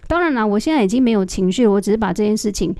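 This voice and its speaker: A woman host, chatting casually and telling a story straight to her listeners in an animated way. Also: mid-range voice, very fast, no room sound, studio quality. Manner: animated, addresses listeners directly. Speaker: podcast host.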